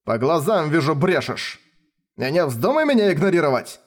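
A man's voice: a little high, sing-song, normal speed, pitched above the performer's own voice. A man voicing a brash, hot-tempered male general who taunts and blusters in a raised voice. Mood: indignant.

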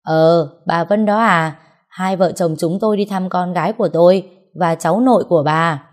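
A woman's voice: fairly low pitch, moderate pace, natural voice. A woman reading the lines of an angry, stern older father in a storybook tale. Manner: curt, indignant.

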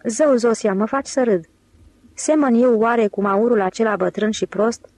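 A woman's voice: fairly high pitch, a little mellow, no echo. A woman reading a sly young adventurer. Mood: anxious. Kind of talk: audiobook character reading.

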